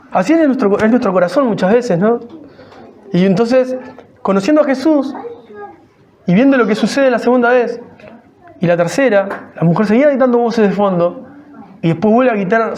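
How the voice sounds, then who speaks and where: Man preaching conversationally. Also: very high voice. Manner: conversational preaching, rising to emphatic; frequent self-corrections and restarts. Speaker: pastor. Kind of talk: sermon.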